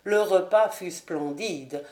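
Woman audiobook narrator, measured and even, roomy room sound. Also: fairly low pitch. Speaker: audiobook reader. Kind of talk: audiobook narration of a classic novel. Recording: roomy home recording.

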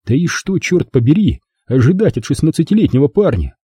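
A man narrating a first-person audiobook in a measured, dry way, with a husky voice. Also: a little high, big pitch swings, mellow, no echo.

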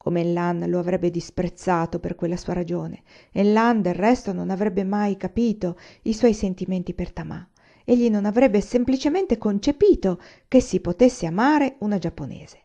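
A woman reads a novel aloud in a steady, measured audiobook delivery. Her voice is warm and mellow, and the lo-fi recording sounds a bit dull. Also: medium pitch, gravelly. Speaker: reader. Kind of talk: audiobook narration. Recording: slightly muffled lo-fi recording.

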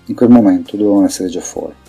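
Low husky male narrator. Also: very fast, mellow. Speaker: audiobook narrator. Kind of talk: scripted fantasy narration. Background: faint music.

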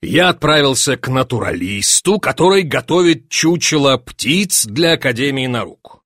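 A man reading an audiobook, voicing a sly police chief who feigns sympathy and teases with drawn-out pauses. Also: mid-range voice, very animated, a bit bright, no echo, studio quality. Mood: mock-sympathetic. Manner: measured, drawn-out teasing pauses.

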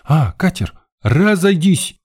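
A man voicing an impatient, excitable young male lifeguard who speaks in brash, hurried bursts. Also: high-pitched, breathy edge, pitched above the performer's own voice, full character voice. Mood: agitated.

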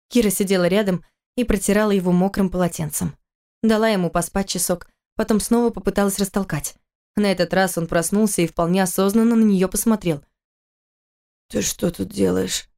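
A woman's voice: medium pitch, darkish tone. Woman narrating an audiobook story steadily.

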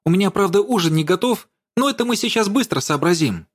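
A man's voice: high-pitched, lively intonation, pitched above the performer's own voice. A man doing a chattering, bold young woman. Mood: excited. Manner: rapid chatter. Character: bustling young woman, quick-tongued and bold.

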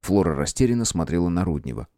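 Mellow-voiced male audiobook narrator. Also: deep voice, expressive, quick pace, dry recording, clean studio sound. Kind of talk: scripted narration.

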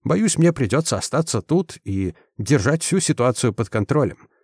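Brief: man playing a granite-like commander, slow, heavy, emotionless. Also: mid-range voice, big pitch swings, a little mellow, breathy edge, no echo, studio quality. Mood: measured. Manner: slow, measured, weighty. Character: stern massive male military commander, slow and impassive.

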